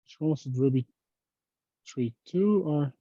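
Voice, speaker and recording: On an online working group call, a software engineer casually talks through a technical problem, muttering as he thinks aloud. His voice is a little high and mellow at a measured pace, with no room sound, over dull, lo-fi call audio.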